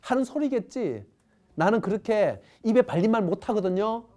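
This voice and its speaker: A woman's voice: medium pitch, expressive, normal speed, dark tone. A middle-aged woman giving a parenting lecture, acting out the people she describes as she talks.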